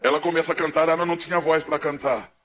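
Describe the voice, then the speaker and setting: A man from Pernambuco, giving a dramatic testimony sermon in a church, swinging between hushed and shouting. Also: on the high side, steady tone, fast. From Pernambuco, Brazil.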